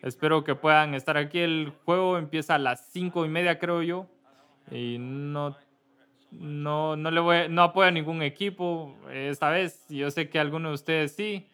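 Halting, slightly high-voiced pastor. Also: male voice, steady tone, sharp tone, smooth. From Kentucky, USA. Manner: casual, halting, with frequent self-corrections. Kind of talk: church announcements before a service.

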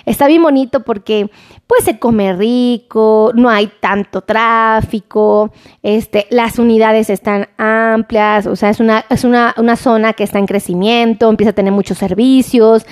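A high-pitched woman with a Mexican accent hosts a casual livestream from her phone. She chats playfully and quickly, calling out viewers by name and joking with them. The tone is loose and friendly, like talking to regulars. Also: fairly even intonation, clear, resonant tone. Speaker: health livestream host. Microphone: phone camera.

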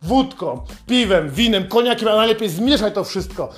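High-voiced man ranting with sarcastic profanity. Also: lively intonation, normal speed. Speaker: podcast host. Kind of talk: satirical comedic monologue.

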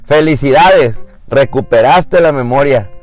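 A man voicing a sly, experienced old doctor who speaks calmly and smugly. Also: mid-range voice, unhurried, faint music behind, natural voice.

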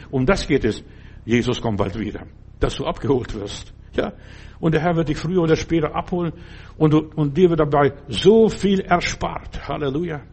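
An older man preaching a sermon, repeating his exhortations earnestly and dropping at times to a soft, slow, reassuring tone. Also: on the high side, vocal fry, breathy edge.

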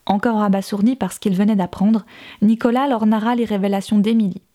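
A woman's voice: medium pitch, steady tone, a little fast, mellow. A woman reading a novel aloud as an audiobook, voicing each character's lines with light shifts in her voice. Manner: reads all characters' dialogue with light voice shifts. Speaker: audiobook reader. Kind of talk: scripted narration of a novel.

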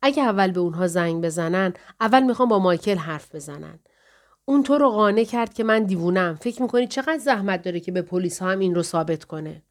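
A woman's voice: fairly low pitch, animated, natural voice. A woman reading the lines of a desperate young mother in an audiobook, urgent and pleading.

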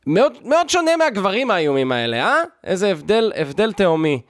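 A man's voice: high-pitched, sing-song, no echo. A man hosting a podcast, delivering a sarcastic, mock-outraged comedic rant in a loose, talky way with fillers and restarts. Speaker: podcast host.

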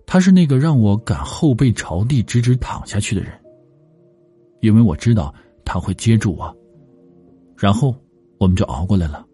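A struggling restaurant-owner husband looks back on hard times, as a male narrator reads his part. The voice is low and breathy, with a lively, expressive rise and fall. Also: normal speed, long pauses, faint music behind. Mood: reflective.

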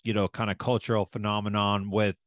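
A man's voice: lowish voice, little pitch movement, fairly quick, no room sound. A man hosting a podcast in casual chat, often restarting and repeating words, with loose swearing. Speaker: podcast host.

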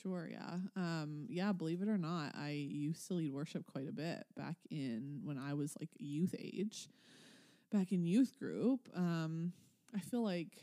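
A woman speaks in a low, very soft-edged voice, recorded dry and close. She is short of breath, with audible heavy breathing, as she chats in a casual, self-deprecating way as a guest. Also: measured pace, dry recording. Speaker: podcast guest. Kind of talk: casual chat.

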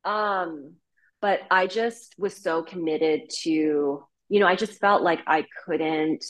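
Slowly and candidly, a woman in her thirties with a Canadian accent shares her story as an interview guest, chatting casually. She has a low voice and a loose style full of fillers such as "like" and "you know."

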